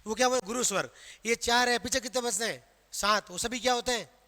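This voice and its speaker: A man's voice: very high voice, fairly quick, bright, forceful tone. Man, Rajasthani Hindi accent, classroom lecture, asks and answers his own questions, reverberant hall. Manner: quizzing students with questions he answers himself. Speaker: teacher.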